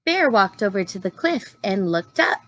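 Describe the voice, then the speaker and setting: In a mid-range voice, a woman reads a children's storybook aloud the way a teacher would. Her delivery is expressive and deliberate, and she adds simple asides and questions for her young listeners.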